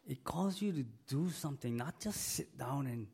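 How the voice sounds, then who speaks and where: Preaching in a church sanctuary, a middle-aged male pastor is losing his voice from a cold. His mid-range voice is animated, gravelly, and mellow with a breathy edge at a moderate pace, and he emphatically repeats key words while calling for an amen.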